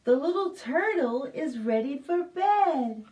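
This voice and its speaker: Taking it slowly in a high voice, a woman reads a picture book aloud to young children during library storytime. She asks them questions in an expressive, sing-song manner, and the microphone is some distance away.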